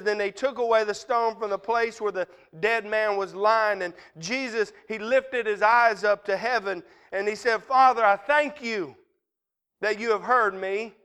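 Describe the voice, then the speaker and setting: A man preaches in a high, ringing voice with a crisp, clear tone. He talks folksy and conversational, slipping into everyday dialogue to act out the scripture. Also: fairly even intonation, moderate pace, hardly any pauses, fairly bright tone. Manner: folksy, conversational, acts out Bible scenes in dialogue. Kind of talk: sermon.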